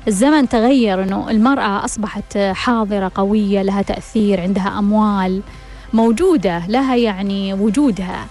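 With a brisk, slightly mellow mid-range voice, an advice-show host answers listeners frankly. She's blunt and full of rhetorical questions, with faint music playing behind her.

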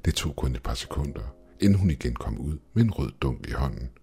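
A man reading a first-person horror story in an even, measured storytelling voice. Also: a bass voice, breathy edge, faint music behind. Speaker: narrator. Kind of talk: scripted horror narration.

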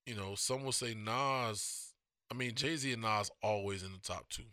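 A man co-hosting a podcast, talking in loose, profane, animated banter while he has the hiccups. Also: lowish voice, moderate pace, dry recording, clean studio sound. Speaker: podcast co-host. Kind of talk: casual chat.

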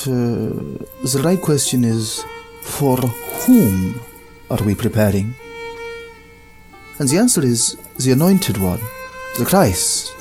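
A man playing a kindly, wise old religious elder who speaks calmly and gently in an audio drama. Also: medium pitch. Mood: calm, earnest.

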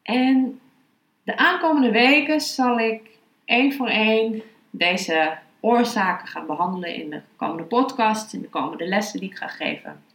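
A woman speaking as a meditation and philosophy teacher, calm, unhurried and instructive. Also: medium pitch. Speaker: yoga philosophy and meditation teacher, podcast host. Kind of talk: spoken lesson, then slow guided meditation. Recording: roomy, echoing sound.

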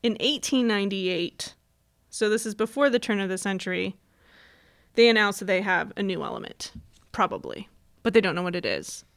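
A woman's voice: medium pitch, expressive, normal speed, vocal fry, fairly bright tone. A woman co-hosting a casual podcast, telling a history story in a chatty way and laughing often.

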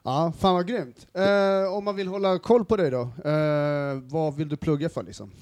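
A man's voice: a little high, a little mellow, no room sound. A man hosting a podcast who asks loose, easygoing questions and swears casually. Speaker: podcast host. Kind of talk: casual interview chat.

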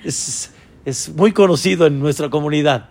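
A man, a rabbi, teaching a Torah lesson, asking his listeners rhetorical questions and jumping to a high voice when quoting figures. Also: moderate pace, gravelly, a little mellow, a little hiss or hum. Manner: voices quoted figures with sudden high pitch.

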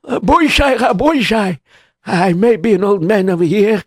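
High old man, pious and insistent, close dry sound, put on by a man. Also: lively intonation, moderate pace, no room sound. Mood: urging. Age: older. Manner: insistent, repeats himself, sings snatches. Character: elderly male synagogue elder, fussy and pious.

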